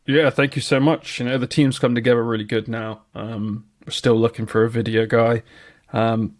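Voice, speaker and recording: A man's voice: medium pitch, little pitch movement, moderate pace, no room sound. British man, dry close podcast voice. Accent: British English. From Britain. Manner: enthusiastic, nostalgic, restarts often. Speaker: podcast co-host. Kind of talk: casual podcast chat.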